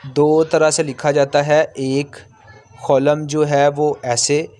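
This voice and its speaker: A man on the higher side of pitch, with flat delivery and a slightly mellow tone, leads a language lesson. He explains step by step, repeats often, and stretches out example vowels.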